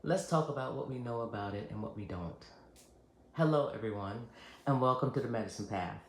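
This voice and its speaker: A man speaking as a hospice nurse and host, giving scripted educational narration in a measured, earnest, reassuring way. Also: mid-range voice, expressive. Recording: roomy echo, faint background noise.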